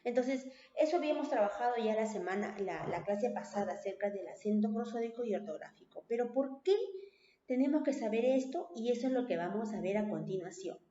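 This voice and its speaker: A woman teacher talks through a recorded class in a patient, repetitive way, often checking in with the listener. Her voice is a little high and mellow. The sound is roomy and dull, like a lo-fi home recording. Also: expressive, fairly quick. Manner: patient, repeats points with tag questions.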